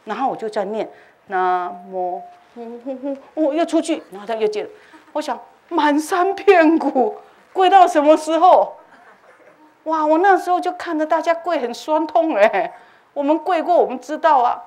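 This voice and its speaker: Animated woman telling a sermon story. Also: high-pitched, normal speed. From China. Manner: animated, acts out dialogue with laughs and sound effects. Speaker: Buddhist master giving a dharma talk. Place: temple hall.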